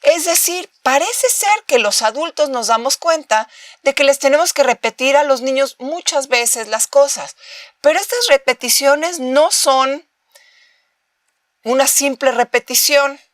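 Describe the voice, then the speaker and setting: Speaking with a Mexican Spanish accent, a woman delivers a recorded university master class in a high voice with lively intonation and a measured pace. She asks rhetorical questions and briefly performs how one talks to babies, with clean studio sound and no room echo.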